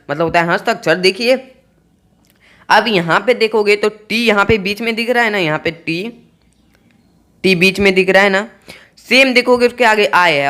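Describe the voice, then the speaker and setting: This English pronunciation teacher has a high, sharp voice that comes across clear and resonant. Repeating every point, he spells out words for his students letter by letter.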